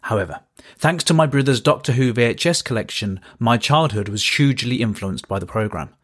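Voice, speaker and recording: With dry, wry understatement, a podcast host from Birmingham in his thirties reads a scripted first-person story. He speaks at medium pitch, fairly quick, a bit bright and with lively intonation.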